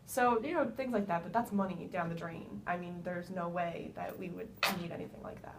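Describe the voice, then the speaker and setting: Halting, low-toned woman in pitch practice. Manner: hesitant, halting answers in a sales pitch practice. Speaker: practice client acting as a meat business manager. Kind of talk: role-played business conversation. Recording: faint rumbly background noise.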